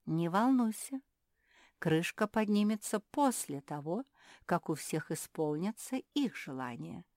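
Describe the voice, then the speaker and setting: A woman voicing a patient, kindly female fairy who speaks in a calm, gently instructive way. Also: on the low side, a little slow, no room sound, clean studio sound.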